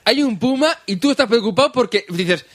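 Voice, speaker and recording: A man's voice: very high-pitched, animated, a little fast, a bit bright, no room sound, studio quality. A man with a Peninsular Spanish accent, a podcast co-host asking questions in casual chat with restarts.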